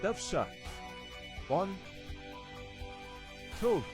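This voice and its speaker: A man's voice: high voice, big pitch swings, extremely slow, music in the background. A man instructing taekwondo, giving short, clipped commands and counts for kicking drills.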